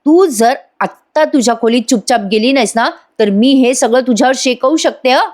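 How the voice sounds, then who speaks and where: A woman voicing a cold, threatening young woman who speaks slowly and hard. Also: sits high, pitched above the performer's own voice, natural voice. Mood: menacing. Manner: slow, hard, menacing.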